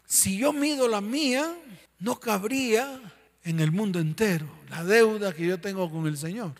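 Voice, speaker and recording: Male pastor, very high voice, emphatic, questions the flock, long hall reverb. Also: animated, unhurried. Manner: emphatic, repeats key phrases, asks listeners questions. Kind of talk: sermon.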